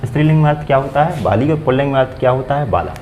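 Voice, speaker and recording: A man's voice: medium pitch, animated, very fast, a little mellow, a little hiss or hum, poor audio. A man teaching grammar, asking a question and then answering it himself, repeating the key words, with phrasing. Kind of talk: classroom-style grammar lesson.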